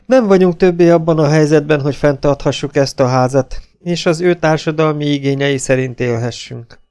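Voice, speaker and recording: A man voicing an elderly, fussy and excitable male professor in an audiobook, exclaiming with drawn-out words. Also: a little high, clean tone, voice pushed up, lightly acted.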